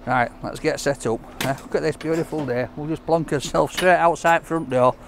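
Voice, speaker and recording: A man's voice: fairly high pitch, normal speed, vocal fry. Cheerful Yorkshire man vlogging outdoors. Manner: chatty, jokey, cheerful banter. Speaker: food reviewer vlogger. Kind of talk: casual vlog chat. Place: outdoors on a city street. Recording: street noise behind. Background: traffic and scaffolding work.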